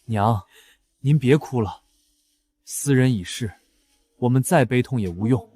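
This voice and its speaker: A man's voice: medium pitch, unhurried, mellow, lightly acted. An actor playing a bitter, scheming young scholar who failed his exams, with a resentful, sneering way of speaking. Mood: falsely mournful.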